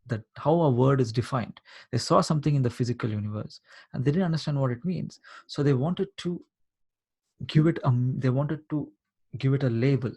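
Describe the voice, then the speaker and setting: Husky-voiced man coaching patiently. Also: mid-range voice, darkish tone. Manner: explains patiently, repeats points and checks the listener understands. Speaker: life coach. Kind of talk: live online coaching session. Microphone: video call.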